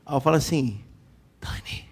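A man preaching a lively sermon, joking with the congregation and acting out quotes. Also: high voice, moderate pace, breathy edge. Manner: animated, jokes with the congregation, acts out quotes. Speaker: pastor.

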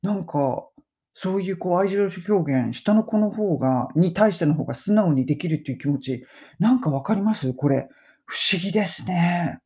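A middle-aged woman with a low, dark, mellow voice gives a relaxed pronunciation lesson. She speaks, and her pitch rises and falls in a lively way as she chats. She slows right down to model English phrases for repetition. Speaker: English pronunciation teacher and podcast host. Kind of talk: casual spoken lesson.

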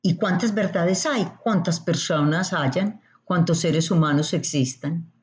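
A woman, teaching about emotional support in a calm, measured way, posing rhetorical questions. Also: fairly low pitch. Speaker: emotional coach. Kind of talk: slow explanatory talk. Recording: dull lo-fi audio.

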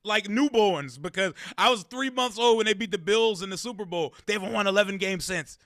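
Late-20s guy, bright sharp voice, dry close sound, animated casual sports chat. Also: high voice, a little fast, no room sound. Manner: animated, laughs often, swears casually.

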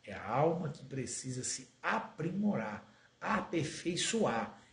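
A man's voice: on the high side, sing-song. Earnest man lecturing in an echoey room. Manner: earnest, often stretches words slowly for emphasis. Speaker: spiritist lecturer. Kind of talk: spiritist talk on raising children.

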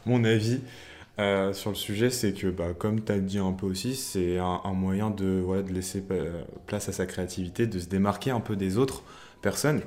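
A man's voice: low-pitched, steady tone, moderate pace, darkish tone. A young adult man hosting a casual podcast debate, asking the questions and steering the topic, talking hesitantly with many fillers and restarts. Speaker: podcast host.

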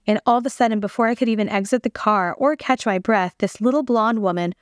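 A woman's voice: fairly high pitch, fast talker, no room sound, studio quality. A woman hosting a podcast, telling a personal faith testimony in an earnest, conversational way and speaking straight to her listeners. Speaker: podcast host sharing a testimony.

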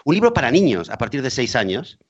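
A man hosting a radio show, chatting in a relaxed way with lots of hesitant fillers. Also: mid-range voice, fast, breathy edge. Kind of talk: casual radio chat. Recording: dull lo-fi sound.

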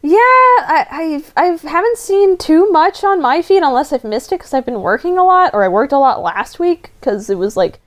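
A woman's voice: sits high, sing-song, normal speed, few pauses. A woman chatting casually as a guest on a fan podcast.

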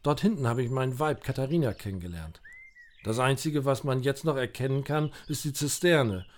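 A man's voice: mid-range voice, fairly quick, natural voice. A man voicing a proud, weepy old knight who speaks in a grand, old-fashioned, mournful way, in an amateur audio drama. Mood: grieving.

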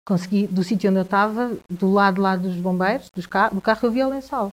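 Here a woman with a European Portuguese accent, pitched at a medium level, tells a personal story while appearing as a guest in a conversation. Her telling is halting, full of restarts and repeated words.

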